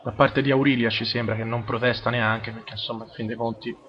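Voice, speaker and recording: An Italian man gives live play-by-play of a football match. He speaks in measured, halting short phrases as he follows the ball, with some crowd noise around him. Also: medium pitch, little pitch movement, muffled recording. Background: crowd at a football ground.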